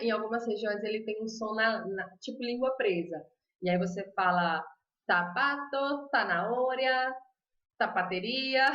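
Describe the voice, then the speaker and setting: A woman's voice: a little high, a bit bright. A woman with a Brazilian accent teaching Spanish pronunciation in a casual live stream, chatty and laughing often, reading viewer comments aloud. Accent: Brazilian Portuguese. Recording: roomy, slightly dull live-stream audio.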